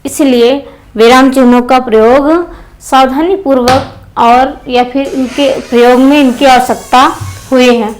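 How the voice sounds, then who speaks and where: A woman teacher's high voice carries an exam-prep grammar lesson. She goes step by step, repeats key phrases for emphasis and asks her students questions before she answers them herself. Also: steady tone, a little slow, slight background noise, low-quality recording.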